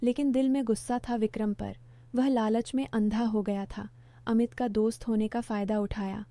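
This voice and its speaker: Middle-aged woman telling a story, calm and even, fairly high voice, dry sound. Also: moderate pace, no room sound. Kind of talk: first-person story narration.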